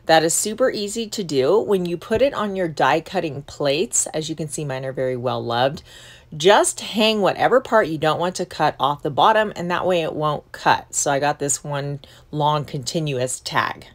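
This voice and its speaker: A woman's voice: sits low, normal speed. A middle-aged woman hosting a casual crafting tutorial, chatty and upbeat as she explains each step in a voice-over. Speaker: craft channel host.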